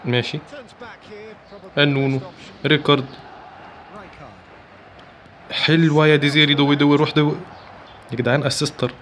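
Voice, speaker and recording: A man with an Egyptian Arabic accent giving excitable commentary while playing a football video game, chanting player names in quick bursts. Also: a little high. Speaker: gaming YouTuber. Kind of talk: live gameplay commentary.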